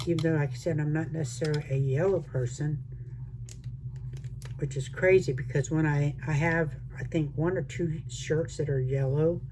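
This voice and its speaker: Working on a resin craft, an older retired host of a resin crafting channel talks casually and ramblingly to her audience, calling them y'all, in a mixed Southern American accent. Her mid-range voice keeps a fairly even intonation at a moderate pace. The background is noisy.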